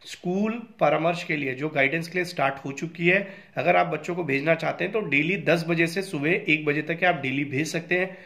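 Male teacher, recorded lesson, bright voice, slightly high, Hindi mixed with English, slow clear spelling. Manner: spells words out letter by letter; mixes Hindi with English words. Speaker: school teacher. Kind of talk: recorded online class lesson.

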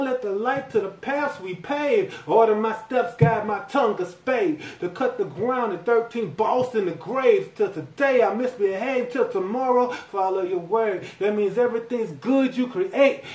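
A man rapping a one-take freestyle in a small room at home, his lines rhythmic and at times shouted. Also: very high voice. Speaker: rapper. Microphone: far 360 camera. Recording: echoey room, voice far from the mic.

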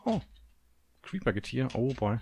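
A young German gamer narrates his play, fretting aloud and cursing at monsters. His voice is low and gravelly, with big swings in pitch. A faint hiss and mouse clicks sit under his desk microphone. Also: big pitch swings, a little slow, a little mellow. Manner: nervous, swears at monsters, talks to himself. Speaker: gaming video host. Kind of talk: Let's Play commentary.

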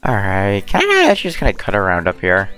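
A man's voice: on the low side, huge pitch swings, fast, a bit bright, smooth, soft background music. A man casually commentating his own gameplay, muttering to himself and swearing freely. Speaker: game streamer.

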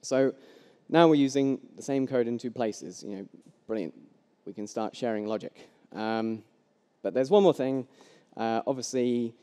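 Clear and resonant, his dark voice sits at a medium pitch. The young man is a conference speaker doing a casual live coding talk at a meetup, peppered with ums and restarts, wearing a headset mic in a large, long-reverb hall that leaves the recording echoey.

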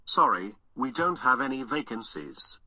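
A man reading short English question-and-answer dialogues, clear and measured. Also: mid-range voice, sing-song, sharp tone, poor audio. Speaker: lesson dialogue reader.

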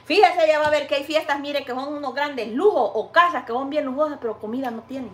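A woman's voice: high voice, a little fast, reverberant, slight background noise. A woman chatting casually while she cooks in her home kitchen, rambling fondly to the viewer. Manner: chatty, rambling, calls the viewer "niña" and "hija linda". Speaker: cooking vlogger. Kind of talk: casual chat while cooking.

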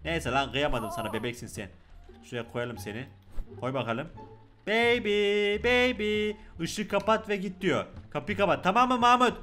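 A young man with a Turkish accent giving joking, excitable let's-play commentary, talking loudly to the game's baby. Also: high voice. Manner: loud, joking, excitable, talks to the game baby. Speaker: gaming YouTuber.

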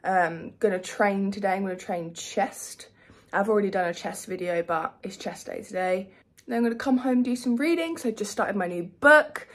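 A young British woman in her twenties from the United Kingdom, a vlogger and personal trainer, chats casually through her day in a rambling, self-deprecating day-in-the-life vlog. Her medium-pitched voice moves at normal speed, recorded on a phone camera propped up at home and then at a gym.

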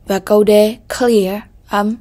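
A woman with a Vietnamese accent leads an exam-prep lesson at an unhurried pace. She repeats each answer word and keeps checking in with her students. Her voice is husky, with a gravelly edge. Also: mid-range voice, fairly even intonation, darkish tone. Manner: slow, methodical, repeats key words with frequent "ok ha". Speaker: English teacher.

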